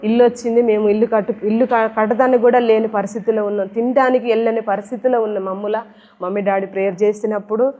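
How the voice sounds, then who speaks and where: A woman's voice: on the high side, fairly even intonation, quick pace. A woman giving an earnest personal religious testimony and repeating her phrases as she tells it. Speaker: church member giving testimony. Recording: tinny phone-like sound.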